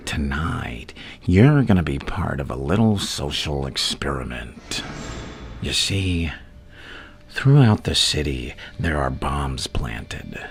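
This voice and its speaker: A man playing a gleefully insane, menacing supervillain clown in an ASMR roleplay, with a gravelly, breathy half-whisper and a taunting, theatrical delivery. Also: a bass voice, heavily acted. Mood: calmly menacing. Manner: slow, taunting, theatrical, swinging between murmurs and louder bursts. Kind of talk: ASMR roleplay monologue addressed to the listener.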